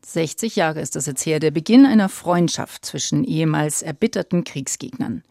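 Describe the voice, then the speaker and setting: A woman presents a news podcast from a script. Her voice is on the low side and recorded very dry. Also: mellow, dry recording. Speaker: podcast host.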